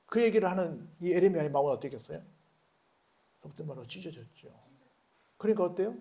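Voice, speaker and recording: An older man, a pastor, preaching a sermon, moving from quiet talk to loud shouting with many rhetorical questions. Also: fairly high pitch, expressive, quick pace, gravelly. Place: church.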